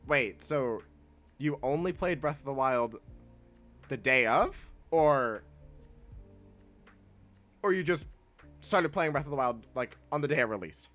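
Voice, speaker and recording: Faint music plays behind a young man casually chatting on stream, reading and replying to chat. His medium-pitched, fairly bright voice is animated but a little slow with long pauses, and he's congested, rambling, cutting himself off, and laughing often.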